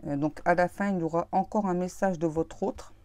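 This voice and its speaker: Soft-spoken woman tarot reader, hesitant. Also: on the low side, fairly even intonation, brisk, no echo. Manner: hesitant, many fillers and restarts. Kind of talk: casual tarot reading monologue.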